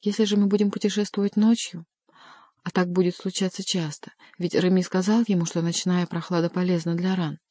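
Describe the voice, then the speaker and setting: A woman voicing a gentle young noblewoman speaking to her lover. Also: on the low side, little pitch movement, fairly quick, dry recording, lightly acted. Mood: tender. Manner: gentle, lyrical. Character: tender young noblewoman in love.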